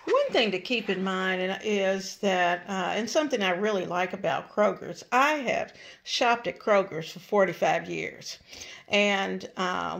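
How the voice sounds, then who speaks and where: A woman's voice: mid-range voice, vocal fry. Chatty older woman sharing home advice. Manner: warm, chatty, homespun advice with grateful asides. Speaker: cooking channel host. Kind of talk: casual home vlog chat. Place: home kitchen and dining room, indoors.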